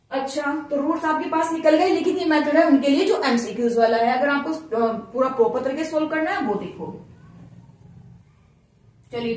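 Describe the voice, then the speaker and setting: A woman's voice: sits high, distant mic. A woman teaching a maths lesson, explaining each step and asking her students questions as she works. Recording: very echoey room, voice from off-mic.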